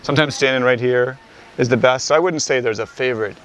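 A middle-aged man from Cape Cod, a ship captain, talks in a relaxed, plain-spoken way with a dry bit of humor. His voice sits in an ordinary middle pitch, picked up on a lapel mic on an open deck with faint outdoor noise. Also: quick pace. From Cape Cod, USA. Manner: easygoing, plain-spoken, wry. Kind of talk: casual interview. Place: outdoors on a wooden schooner deck. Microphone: lavalier.

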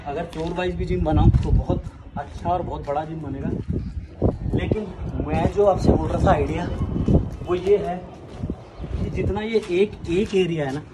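A young adult man, a fitness vlogger, talks casually to camera and explains things directly to viewers from an unfinished building's rooftop and open balcony. His voice is fairly high with fairly even intonation, at normal speed with long pauses. Outdoor ambience and traffic are clearly audible in the background.

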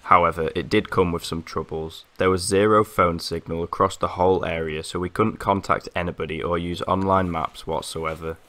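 A man reading a scripted documentary voice-over in a measured, formal way. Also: sits low, steady tone, fairly bright tone. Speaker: channel narrator.

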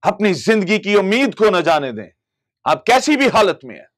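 A man's voice: sits high, very animated, normal speed. A middle-aged man from Pakistan, a pastor preaching a televised sermon in a studio on a lapel mic, with impassioned emphasis that rises and falls. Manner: gestures constantly with both hands.

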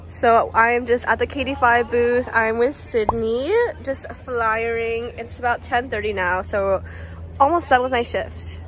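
Her pitch fairly high and her intonation fairly even, this young adult woman talks unhurriedly to her phone camera at arm's length. She is a bubbly, girly college student and sorority rush chair vlogging casually, with room and street ambience making the handheld recording noisy.

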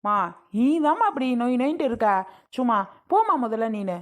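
A woman's voice: mid-range voice, steady tone, fast talker, close to an everyday voice. A woman playing a stubborn young woman who argues back and refuses to marry. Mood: defiant. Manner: defiant, arguing back. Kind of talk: family skit acting.

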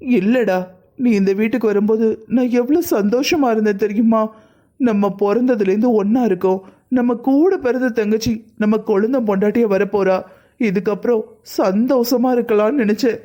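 A woman's voice: on the high side, moderate pace, warm tone, lightly acted. A performer voicing a young married woman, an elder sister, who complains hurt and pleading in a cartoon family drama. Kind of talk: cartoon voice acting.

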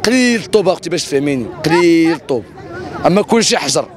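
A man's voice: on the high side, lively intonation, racing. A distressed young Moroccan man giving a street interview, agitated and close to crying, insistently repeating his words. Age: young adult. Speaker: aggrieved interviewee. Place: outdoors in a crowd on a street. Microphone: handheld reporter's microphone. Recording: outdoor street with crowd noise.

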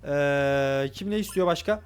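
A man giving hurried, excitable commentary while playing a restaurant game, talking to customers on screen. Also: a little high, clear, resonant tone. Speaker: gaming YouTuber. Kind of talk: casual gameplay commentary.

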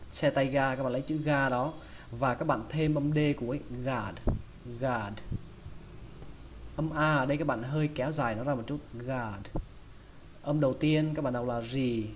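Man, Vietnamese accent, pronunciation lesson, patient repetition, faint background hiss. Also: mid-range voice. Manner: slow, repeats each word several times. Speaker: English teacher.

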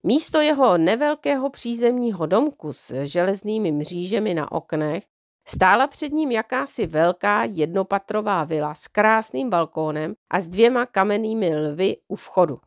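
A woman reads a children's storybook aloud at a mid pitch, calm and even. Her voice is slightly under the weather. The recording is close and dry, with no room sound. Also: no room sound. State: slightly unwell voice. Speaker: audiobook reader. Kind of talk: reading a children's book aloud.

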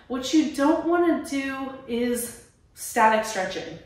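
Slow-talking woman coaching a home workout. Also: a little high. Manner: encouraging, coaching while moving. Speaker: fitness trainer. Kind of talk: workout instruction. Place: small room at home. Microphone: camera at a distance. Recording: very echoey room, far from mic.

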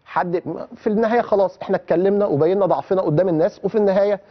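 A man's voice: high voice, racing, dull audio. A man with an Egyptian accent teaching children how to pray, quizzing and coaxing them with questions as he explains.

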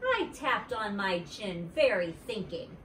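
Lady reading a kids book aloud, playful, lively pitch, echoey and a bit far from the mic. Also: slow, a little hiss or hum. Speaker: children's story reader. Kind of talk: read-aloud storytime. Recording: roomy, away from the mic.

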